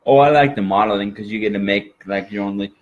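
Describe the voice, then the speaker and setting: A man's voice: lowish voice, quick pace, highs cut off. A man from Minnesota with an exaggerated Minnesota accent, chatting as an interview guest in a folksy, rambling way. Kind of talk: casual interview chat.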